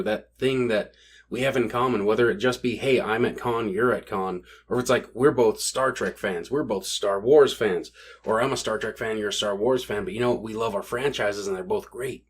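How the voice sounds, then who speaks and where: A young man co-hosting an unscripted convention chat, earnest and quick with quips. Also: lowish voice, husky. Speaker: podcast co-host.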